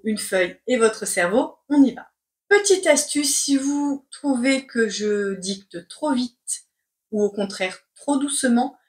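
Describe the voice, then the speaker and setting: A woman teacher reading a dictation aloud in deliberate, carefully segmented phrases, calling out the punctuation. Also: on the high side. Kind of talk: slow read-aloud dictation with repeated phrases and spoken punctuation. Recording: echoey room.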